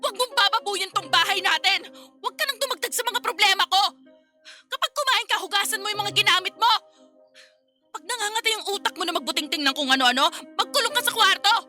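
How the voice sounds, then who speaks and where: A woman's voice: extremely high pitch, fast, over music. A woman playing a tired working wife in a radio drama, scolding in a stream of exasperated complaints. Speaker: lead character in a radio drama.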